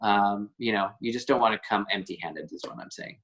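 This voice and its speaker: A man's voice: fairly low pitch, fairly quick, a bit bright. A man, an actor being interviewed, talking casually and rambling a bit as he searches for words. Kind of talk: casual chat.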